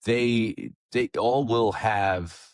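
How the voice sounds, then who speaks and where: A man, a pizzeria owner, talking in a relaxed, casual way as a podcast guest. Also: on the low side, very slow, dry recording, studio quality. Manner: relaxed, conversational, swears casually.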